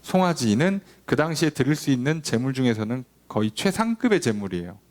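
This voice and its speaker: A man's voice: medium pitch, very animated, fairly quick. A male pastor leading a Bible study. He talks with the congregation in a conversational way, asks them questions and acts out quoted dialogue. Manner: acts out quoted dialogue between God and people.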